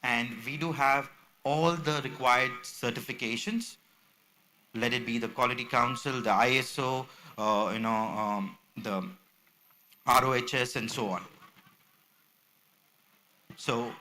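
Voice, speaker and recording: Bright-voiced man giving a podium speech. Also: mid-range voice, a little slow, pauses often, poor audio. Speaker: company representative presenting products. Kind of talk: podium speech, slide presentation. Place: symposium venue, speaking at a podium. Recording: background noise from a live event room.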